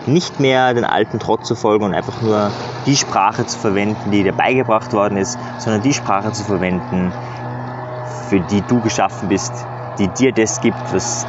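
A man's voice: on the low side, fairly even intonation, normal speed, over music. A man giving earnest, casual coaching advice in a motivational monologue, often adding "ja". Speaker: self-improvement coach. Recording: slightly dull recording.

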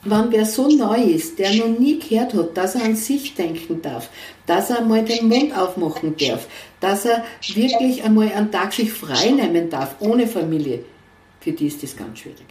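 Woman, mellow, roomy sound. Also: medium pitch, animated, normal speed. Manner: earnest, storytelling, quoting others. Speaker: guest, author and coach. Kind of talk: conversational interview. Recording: roomy, somewhat distant mic.

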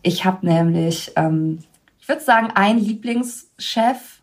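A podcast host, a woman with a medium-pitched voice, speaks slowly in a casual chat. She talks freely, laughs often, and tells her stories in a lively, chatty way.

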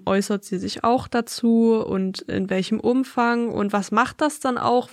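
A woman chatting casually as a film reviewer, summarizing the story in a relaxed way with frequent hesitation sounds. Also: medium pitch, dry recording, clean studio sound.

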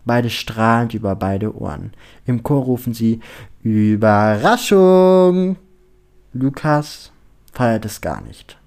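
A man reads a story aloud with expressive, engaged narration. His voice sits at an ordinary middle pitch for a man. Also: gravelly. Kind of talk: story reading.

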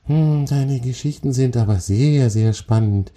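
A tiny, high, squeaky female spider from a spoken children's story, as a male narrator puts her on. She scolds and grumbles with little patience. The voice stays soft and mellow underneath. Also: measured pace, lightly acted. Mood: calmer, curious. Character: tiny cross female forest spider, impatient.

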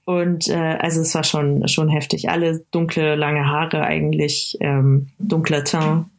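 A woman with a slightly low voice tells a personal story in a relaxed conversational way. She hesitates a lot, filling gaps with small sounds and restarting her sentences as she goes. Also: gravelly. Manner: halting, many fillers and restarts. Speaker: interview guest.

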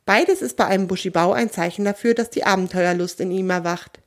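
A woman reading a children's audio story aloud in a gentle, expressive way. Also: mid-range voice, fairly quick.

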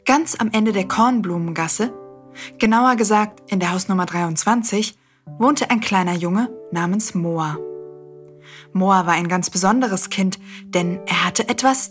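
Eine Frau erzählt sanft eine Kindergeschichte und spricht die Zuhörer direkt an. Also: female voice, medium pitch. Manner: gentle, addresses the listener. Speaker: storyteller. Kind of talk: children's story narration. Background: faint guitar music.

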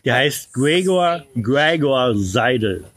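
A man chatting casually as co-host of a podcast, his mid-pitched voice swinging widely. He rambles, stops and restarts his sentences, and fills gaps with hesitations. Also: expressive, slow pace, a bit bright. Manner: rambling, lots of fillers and restarts. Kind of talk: casual chat. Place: outdoors on his own estate.

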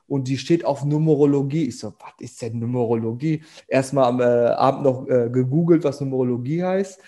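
A man's voice: mid-range voice, a little fast, warm tone. A man guest on a podcast, telling a personal story casually with many fillers and quoted dialogue.

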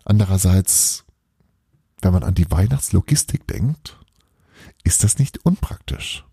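A man's voice: low voice, very animated, measured pace, gravelly, mellow, slightly rough, no room sound, studio quality, full character voice. A man voicing Santa's grown son, who explains things in a slightly sheepish way, in a storybook reading. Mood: explaining.

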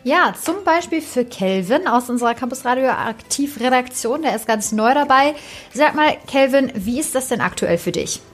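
High-voiced female campus radio host. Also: lively intonation, normal speed. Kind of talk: radio moderation.

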